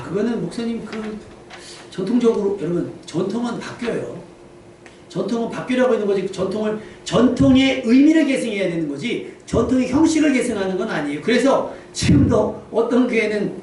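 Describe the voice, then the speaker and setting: High-voiced pastor in echoey church. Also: male voice, brisk. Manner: animated, humorous, acts out quotes. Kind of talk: lively sermon. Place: church sanctuary. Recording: very echoey church hall, distant mic, faint noise.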